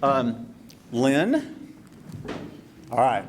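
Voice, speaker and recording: A man's voice: mid-range voice, sing-song, extremely slow, a little hiss or hum. Man telling family stories at a party. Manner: warm storytelling with laughs and asides. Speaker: son giving a tribute speech. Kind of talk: anniversary party speech. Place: party hall with a crowd.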